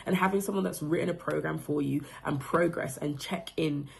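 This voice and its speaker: A woman's voice: low-pitched, fairly even intonation, fairly quick, gravelly, slight background noise. A woman in her thirties from the Democratic Republic of Congo giving a casual, reflective testimonial about being coached, her phrasing loose and full of fillers. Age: 30s.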